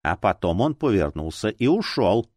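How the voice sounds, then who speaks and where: A man's voice: lowish voice, very animated, normal speed, darkish tone, dry recording, studio quality, pitched below the performer's own voice. A man voicing a laconic, respectful male servant who reports to his master in short replies. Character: calm, terse male servant of a detective.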